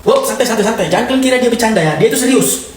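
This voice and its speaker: A man's voice: very high voice, expressive, racing, heavy reverb, a little hiss or hum. A man performing a comedy skit with rowdy, teasing banter.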